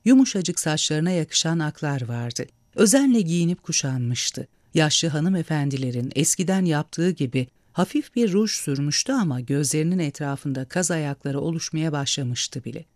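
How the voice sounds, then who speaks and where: A man reading a novel aloud in a measured, expressive narration. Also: a little high, dry recording, studio quality. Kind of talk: storybook narration.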